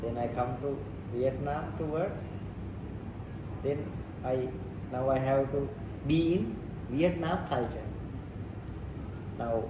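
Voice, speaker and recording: As an interviewee, a Sri Lankan man talks through leadership and culture in plain, non-native English, step by step, often going back over his phrases in an informal teaching manner. His voice is a little high for a man. The audio is dull, picked up from some distance in a roomy space with distinct background noise.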